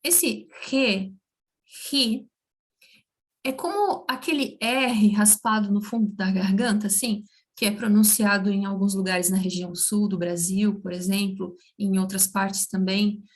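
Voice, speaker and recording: A Brazilian woman with Portuguese as her first language, giving a slow, careful language lesson and checking in with her listeners often. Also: medium pitch. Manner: slow and careful, spells out sounds and checks in with "certo?". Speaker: Spanish teacher.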